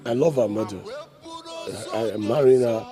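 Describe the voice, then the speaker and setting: A man's voice: mid-range voice, moderate pace, over music, lightly acted. An actor playing an earnest young suitor in a film drama, a young man with a Nigerian accent. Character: earnest young suitor, son seeking to marry.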